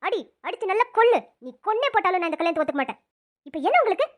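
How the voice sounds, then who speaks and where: A woman's voice: very high-pitched, animated, racing. A woman voicing a defiant young cartoon heroine. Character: defiant young woman, stubborn about marriage. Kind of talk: cartoon voice acting.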